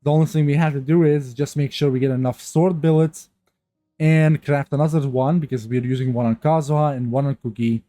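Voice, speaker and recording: Congested from a cold, a gaming YouTuber chats casually over his gameplay a little fast, his mid-range voice mellow and dark with fairly even intonation. His talk rambles, with fillers and many restarted sentences. He records on a new, untuned mic that sounds close and dry, without echo.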